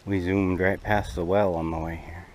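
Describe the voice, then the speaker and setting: A man's voice: low-pitched, level tone, normal speed. A man chatting casually to his viewers while recording a camping vlog out in the open. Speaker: outdoor camping vlogger. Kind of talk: casual outdoor vlog chat. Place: outdoors on an open rocky lakeshore. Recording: outdoor action camera, faint background noise.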